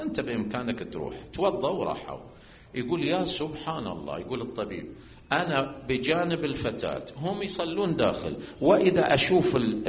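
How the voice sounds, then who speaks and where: A man's voice: medium pitch, a little hiss or hum. Echoey preacher man swelling into chant. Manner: swells from quiet storytelling to loud, drawn-out chanting emphasis. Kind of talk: sermon. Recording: muffled, echoey hall recording.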